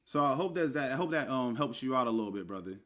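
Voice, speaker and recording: In a medium-pitched, fairly bright voice with lively intonation, a religious teacher moves at a quick pace through an informal online lesson over screen share. He spells scripture words letter by letter to unpack their meaning, calls the listener brother, and peppers his talk with fillers and asides.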